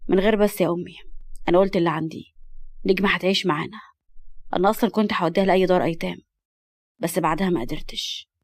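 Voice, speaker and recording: شاب حازم يحمي من يحب تؤديه امرأة. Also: female voice, on the low side, steady tone, racing, long pauses. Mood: firm. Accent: Egyptian Arabic. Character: stern young man, protective guardian.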